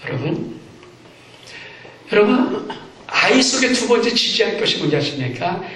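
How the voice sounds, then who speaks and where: A pastor preaches in a high, lively voice that swings up and down. He acts out the scenes he describes. The sound is heavily echoey and comes from a mic some way off in a church hall. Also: moderate pace, recorded from a distance, a little hiss or hum. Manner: animated preaching, acts out parents and children. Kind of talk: sermon. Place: church sanctuary.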